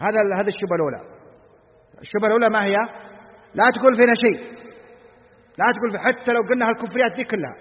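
A man's voice: high-pitched, very fast. A man giving a religious lesson, commenting fervently and firing rhetorical questions at his listeners. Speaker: sheikh explaining a text. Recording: lo-fi phone-like lecture recording with long hall reverb.

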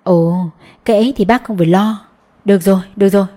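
A woman voicing a genial, talkative middle-aged male schoolteacher in a storybook reading, her own mellow voice pitched up a little. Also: fast talker, natural voice.

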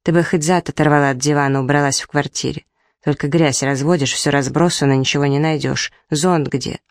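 A woman's voice: low voice, steady tone, a little fast, no room sound. A woman reading the lines of a short-tempered young husband aloud from a story, in a dry room. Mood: irritated. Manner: short-tempered, snapping, rude. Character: irritable young husband, thirty.

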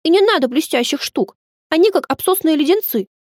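A stubborn, candid little girl, voiced by a woman reading a storybook, pleads and sulks in a raised, high voice. The sound is close and dry, with no room around it. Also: animated, a little fast, a little mellow, dry recording. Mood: pleading. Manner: pleading, sulky.

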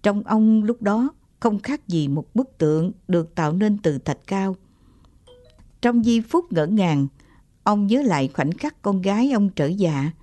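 A woman narrating an audiobook short story in a calm, measured way. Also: mid-range voice, no echo.

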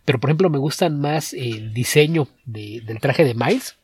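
A man's voice: medium pitch, moderate pace, husky, no echo. A man co-hosting a podcast, chatting casually and in depth, often restarting his sentences. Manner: knowledgeable, digressive, frequent restarts. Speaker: podcast co-host. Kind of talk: casual chat.

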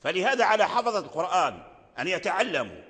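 An older man teaching recitation rules in a lesson, speaking slowly, repeating phrases and chanting short verses. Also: high-pitched, wildly swooping pitch, sharp tone. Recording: long hall reverb.

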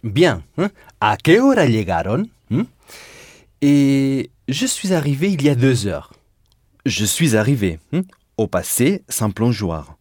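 A man's voice: mid-range voice, very animated, slow pace, darkish tone, no room sound, clean studio sound. A man teaching a Spanish lesson in French, patiently drilling verb endings and repeating students' answers. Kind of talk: language lesson drilling conjugations.

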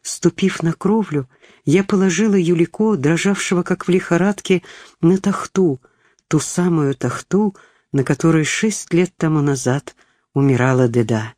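A woman narrating a storybook in a calm, measured way. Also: low-pitched, no echo, clean studio sound. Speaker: audiobook reader. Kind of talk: scripted narration.

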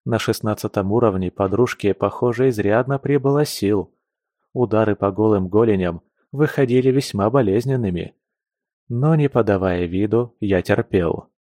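A man narrating an audiobook with a steady, measured reading. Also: fairly low pitch, dry recording, studio quality.

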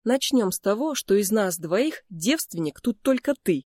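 A woman's voice: on the low side, lively intonation, normal speed, darkish tone, no echo, studio quality, close to an everyday voice. A woman voicing a cocky, teasing young male twin who is always hungry, with a smug manner.

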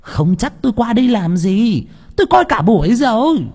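A man's voice: very high voice, big pitch swings, moderate pace, a little mellow, breathy edge, pitched above the performer's own voice, full character voice. A man voicing a cruel old woman who once ran gangs, screeching and scolding. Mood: excited. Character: cruel old female ex-gangster, shrill and bossy.

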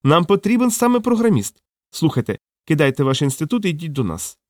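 A man's voice: on the high side, big pitch swings, brisk, no room sound, clean studio sound, pitched above the performer's own voice. A man voicing an eager, persuasive local man who is keen to recruit a programmer. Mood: enthusiastic. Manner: enthusiastic, insistent.

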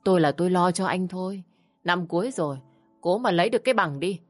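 A bossy older mother-in-law, put on by a woman narrator, her voice pushed high and sharp as she scolds and sneers. The dry, close sound has faint music underneath, as in an audio story. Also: expressive, quick pace, no echo. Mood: scolding.

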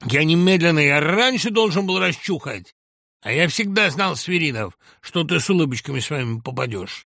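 A ranting, bullying middle-aged producer who shouts in a raised, sharp voice that leaps wildly up and down, as a man puts him on in an audiobook. Every sentence comes out as a tirade. The recording is close and dry. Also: mid-range voice, big pitch swings, takes it slowly, husky, no room sound, exaggerated voice. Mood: ranting furious. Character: loud, hysterical middle-aged male film producer. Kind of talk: audiobook reading.

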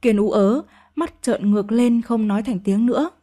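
A woman reading a first-person story aloud in a steady, emotive storytelling manner. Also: fairly high pitch, moderate pace.

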